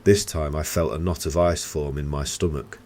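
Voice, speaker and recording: Very deep-voiced man narrating horror. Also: steady tone, moderate pace, a little mellow, a little hiss or hum.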